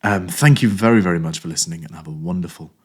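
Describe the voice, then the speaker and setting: A man's voice: sits low, fast talker, husky. An English man hosting a podcast, chatting casually and joking at his own expense outdoors on a hilltop. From England. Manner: jokey, self-mocking. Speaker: podcast host. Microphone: phone.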